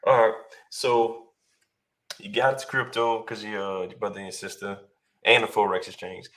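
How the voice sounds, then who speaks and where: A man hosting a casual interview podcast, agreeing often and talking in a halting way. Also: lowish voice, steady tone, a bit bright. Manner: agreeable, halting, with fillers and restarts. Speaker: podcast host.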